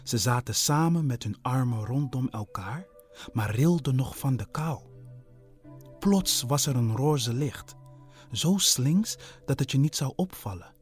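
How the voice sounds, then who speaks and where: A man's voice: medium pitch, expressive, faint music behind. A man telling a children's ghost story in a playful, storybook narration style. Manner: slow, playful, wordplay-heavy.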